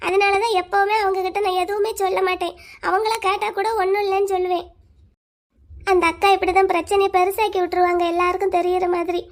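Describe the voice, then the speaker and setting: A woman voicing a shy young village woman who does not want her marriage, speaking softly and hesitantly in a cartoon. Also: very high-pitched. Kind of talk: Tamil cartoon voice acting.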